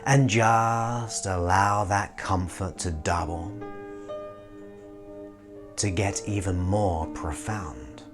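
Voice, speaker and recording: A man leading a guided hypnosis as a slow, soothing countdown, pausing between short phrases. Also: deep voice. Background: music.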